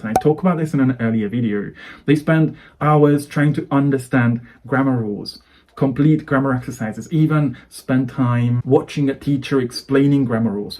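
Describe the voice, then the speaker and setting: A Hungarian man, a native speaker with a Hungarian accent, delivers an earnest, persuasive English-coaching lesson to the camera, building up lists of phrases. His voice is mid-range and warm.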